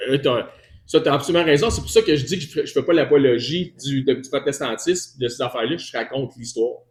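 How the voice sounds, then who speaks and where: A man's voice: medium pitch, fast. A man with a Québécois accent giving a teaching sermon in a conversational way, often restarting and correcting himself and answering questions from the congregation. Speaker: preacher.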